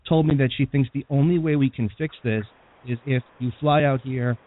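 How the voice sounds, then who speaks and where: A man's voice: mid-range voice, normal speed. A man with an American accent hosting a radio interview in a conversational style. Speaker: radio show host. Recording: phone-like band with clear background noise.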